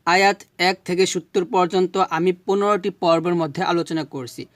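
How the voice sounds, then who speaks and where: A man teaching Quran recitation, spelling out Arabic syllables slowly and correcting pronunciation. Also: sits high, steady tone, no room sound, clean studio sound.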